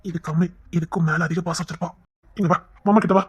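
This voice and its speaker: A woman acting out a family serial, moving between brotherly scolding and tender coaxing in a husky voice. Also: on the low side, fairly even intonation, fast. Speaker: storyteller voicing a whole family.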